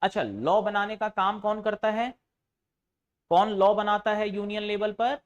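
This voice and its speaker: A man's voice: high voice, a little slow, muffled recording. A male teacher giving a classroom lecture, asking his students questions and answering them himself, and teasing them now and then.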